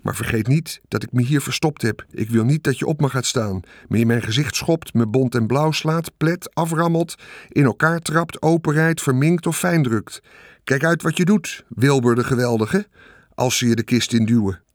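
A man's voice: mid-range voice, no echo, studio quality, natural voice. A man voicing a greedy, fussy male rat in an audiobook, rattling off complaints. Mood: fretful. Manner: rapid, whining complaint.

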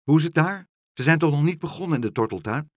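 A man's voice: fairly high pitch, lively intonation, quick pace, a little mellow, no echo, clean studio sound, voice pushed up. A man reading a storybook, voicing an earnest, brave little boy.

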